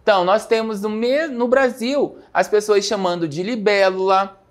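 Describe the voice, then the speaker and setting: A woman's voice: medium pitch, moderate pace. A woman teacher giving a televised school lesson, explaining step by step and often checking in with the students. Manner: explanatory, frequent checking tags like "né?" and "tá?".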